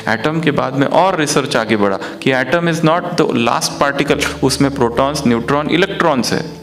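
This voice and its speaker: Guy teaching meditation, slow repetitive talk, asks the listeners stuff, faint music behind. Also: mid-range voice, fairly bright tone. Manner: slow, repetitive, chanting phrases.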